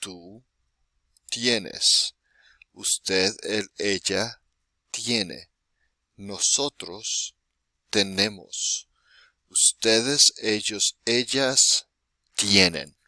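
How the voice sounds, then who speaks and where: A man's voice: fairly low pitch, bright, forceful tone, no room sound. A man in his forties teaching a Spanish lesson, patient and often checking in with "right?". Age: 40s. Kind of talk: recorded classroom lesson.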